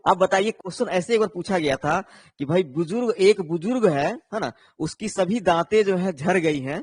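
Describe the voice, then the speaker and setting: A man with a high-sitting voice and a breathy edge leads an online exam-prep lesson at normal speed, with no room sound. He explains patiently, checks in with viewers often, replies to their comments and keeps adding "है ना" to his lines.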